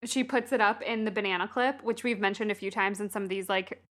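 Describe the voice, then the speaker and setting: A woman co-hosting a casual movie discussion podcast, conversational and quick to agree. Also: mid-range voice, fairly even intonation, a bit bright. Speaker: podcast co-host.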